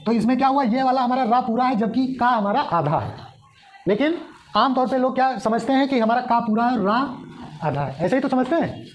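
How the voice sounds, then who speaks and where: A woman's voice: fairly high pitch, darkish tone, a little hiss or hum. A woman teaching a lesson, who keeps asking the class questions and then answering them herself. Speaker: Hindi teacher. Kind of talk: explaining at a whiteboard.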